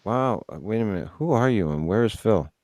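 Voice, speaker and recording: A man's voice: fairly low pitch, animated, fairly quick, a little mellow, dry recording, studio quality. A man co-hosting a podcast in casual joking banter, teasing and repeating himself for effect. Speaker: podcast co-host.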